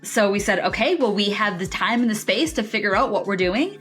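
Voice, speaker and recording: A young adult woman co-hosting a podcast, telling a story casually with energy and quick animated delivery. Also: mid-range voice, faint music behind. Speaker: podcast co-host.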